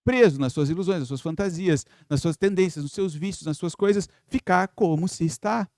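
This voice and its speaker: A man delivers an earnest spiritist lecture, voice pitched a little high. He keeps posing rhetorical questions, thoughtful and steady. The sound is dry and close, with little room around it. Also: moderate pace, dry recording. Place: spiritist center lecture hall.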